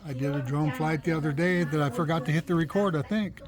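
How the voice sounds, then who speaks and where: A man's voice: a little high, very slow, a crowd in the background. Easygoing man filming a lakeside vlog. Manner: easygoing, descriptive tour commentary. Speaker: travel vlogger. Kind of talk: casual travel vlog narration. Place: outdoors by a lake. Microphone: handheld camera while filming.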